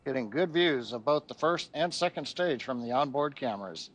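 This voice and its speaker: A man's voice: mid-range voice, lively intonation, moderate pace. A man hosting a live launch webcast with explanatory technical commentary.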